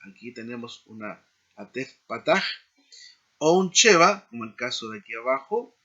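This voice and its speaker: A man teaching a seminary class in a slow explanatory lecture, often checking in with tag questions. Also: mid-range voice, very animated, bright, forceful tone, highs cut off. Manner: frequent tag questions, deliberate pacing.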